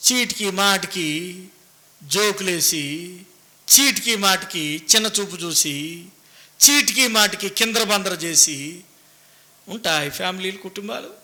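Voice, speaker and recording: High, bright-voiced preacher man. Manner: preaching with sudden swings from loud exclamations to hushed asides, repeating phrases. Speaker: pastor. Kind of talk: sermon.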